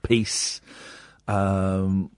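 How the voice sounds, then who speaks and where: A man's voice: deep voice, flat delivery, drawn-out words, darkish tone, smooth, no echo. A man hosting a late-night phone-in radio show in a studio, rambling, jokey and self-deprecating, and losing his voice. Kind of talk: casual phone-in chat. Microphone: studio mic.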